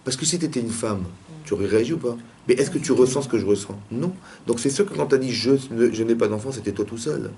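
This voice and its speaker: A man, a rabbi, teaching a lively religious lesson in a classroom and pressing his students with repeated questions. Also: mid-range voice, fast talker, a little hiss or hum.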